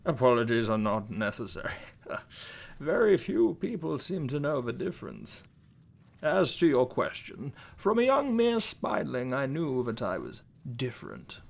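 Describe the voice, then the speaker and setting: Giant spider thespian played by a man, male, pompous, precise diction, lively high-ish voice. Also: vocal fry, exaggerated voice. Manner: haughty, precise, theatrical. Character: pompous male giant frost spider, aspiring stage actor. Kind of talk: comedic mock interview.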